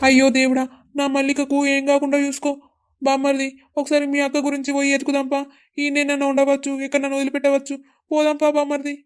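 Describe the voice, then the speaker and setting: A woman's voice: sits high, completely flat delivery, fast talker, faint music behind, natural voice. A woman voicing a worried young village husband in a cartoon, pleading anxiously in a Telangana Telugu accent. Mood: desperate.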